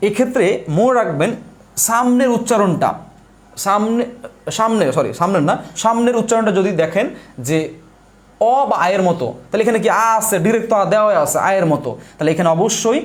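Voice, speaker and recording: A man's voice: high voice, expressive, brisk. A young man giving a live online lesson, explaining step by step while he writes, repeating points and asking questions he answers himself. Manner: repetitive, asks questions and answers them himself. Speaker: exam prep teacher.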